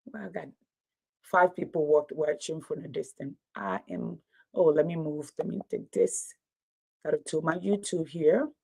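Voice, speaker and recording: A woman's voice: low-pitched, creaky, dark tone. Woman, 50s, livestream host; emphatic, repetitive, casual delivery. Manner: emphatic, repeats phrases for effect. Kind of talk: casual livestream talk and commentary.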